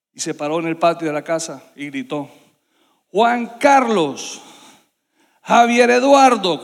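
A man with a high voice tells a story from the pulpit, animated and full of sound effects. His voice rings out in a church hall with a long reverb. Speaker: preacher. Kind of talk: sermon storytelling.

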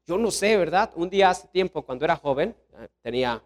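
A middle-aged man with a Mexican accent, preaching a sermon as pastor, telling lively stories and tossing rhetorical questions at the congregation. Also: brisk. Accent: Mexican Spanish. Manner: animated storytelling preacher, sweeping pitch swings, rhetorical questions.

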